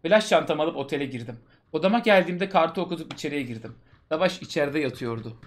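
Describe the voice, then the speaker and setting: A man's voice: fairly high pitch, animated, fast. A male host reading a story aloud for laughs, breaking off for mocking asides. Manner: mocking asides between read passages. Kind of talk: comedic dramatic reading with commentary.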